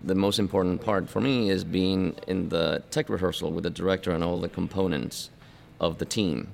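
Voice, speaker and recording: A man's voice: low-pitched, fairly even intonation, moderate pace, gravelly, slight background noise. A scenic designer from Argentina speaking in a documentary interview, reflective and searching for his words.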